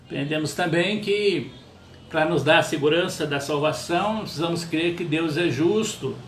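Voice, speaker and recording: A man preaching a sermon as pastor, earnest and measured, pausing often with small fillers. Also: on the high side, reverberant, a little hiss or hum.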